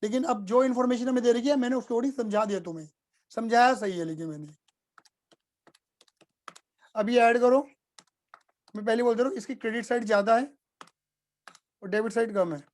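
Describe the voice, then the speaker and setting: A man's voice: extremely high pitch, brisk, long pauses, darkish tone. A man teaching accounting in a casual live class, repeating points and often checking whether students follow. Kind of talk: live online class explanation.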